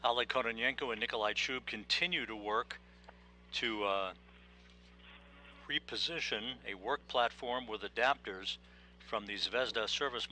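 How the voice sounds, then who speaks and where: American guy doing mission control commentary, lowish crisp bright voice, measured and official, faint hum behind. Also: low-quality recording. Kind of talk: live scripted commentary, formal announcer.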